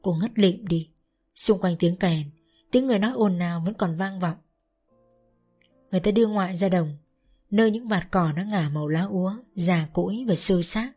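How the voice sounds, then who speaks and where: A woman narrating a story in a measured, often slow and solemn storytelling voice. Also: lowish voice, mellow, husky, soft background music.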